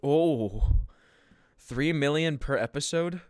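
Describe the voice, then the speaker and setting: A man's voice: a little high, slow, a little mellow, no echo, studio quality. A young man co-hosting a casual podcast, rambling with lots of fillers and bursts of laughter. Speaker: podcast co-host. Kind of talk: casual chat.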